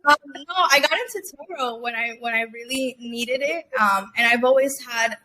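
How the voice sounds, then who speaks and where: A woman's voice: a little high, normal speed, sharp tone. Chatty young woman from Cuba. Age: young adult. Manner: chatty, many fillers and restarts, laughs often. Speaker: guest entrepreneur. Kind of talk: casual interview chat.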